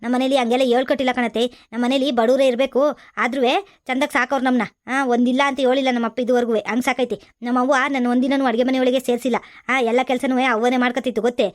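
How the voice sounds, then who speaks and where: Woman doing a young daughter-in-law, spoiled, complaining, talks back, higher voice, dry. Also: level tone, fast, no echo, lightly acted. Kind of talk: village comedy skit.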